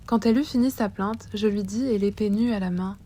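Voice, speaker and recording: A woman storyteller reading aloud from a classic tale, with a measured and expressive delivery. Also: medium pitch.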